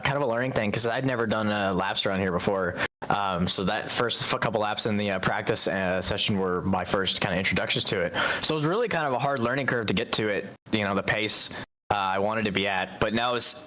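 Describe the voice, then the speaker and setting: Fast-talking low-voiced race winner. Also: male voice, sharp tone. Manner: cheerful, talkative, runs on with fillers. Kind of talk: post-race interview.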